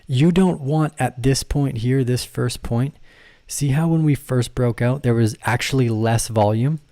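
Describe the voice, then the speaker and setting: A crypto trading channel host runs a casual livestream, working through trading charts and reading out his viewers' comments. He rambles, corrects himself and laughs often, speaking at a measured pace in a mid-range, dark voice. The studio-quality recording has no room sound.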